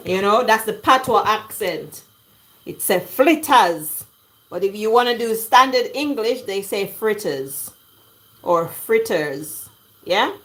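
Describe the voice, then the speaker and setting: A woman's voice: a little high, a bit bright, a little hiss or hum, low-quality recording. A woman hosting a casual live cooking stream from her home kitchen, chatty and greeting viewers by name. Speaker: cooking livestream host. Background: washing machine running.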